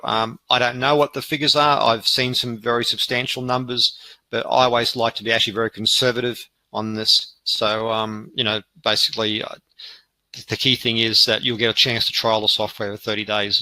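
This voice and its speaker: Bright, forceful male webinar presenter. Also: medium pitch, flat delivery, a little fast, no room sound, low-quality recording. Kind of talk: informal sales webinar presentation. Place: live online webinar.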